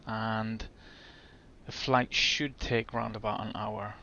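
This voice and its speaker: A man's voice: fairly low pitch, flat delivery, slow pace, pushed and bright, dull audio, a little hiss or hum. A man giving casual, chatty commentary as he sets up a flight in a simulator, thinking aloud as he goes. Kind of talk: casual commentary while gaming.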